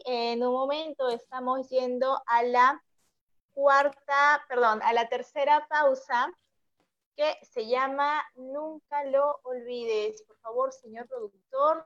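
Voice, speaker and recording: A woman hosting an online English lesson program, explaining slowly and repeating the key points for viewers. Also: high-pitched, fairly even intonation, a bit bright, highs cut off.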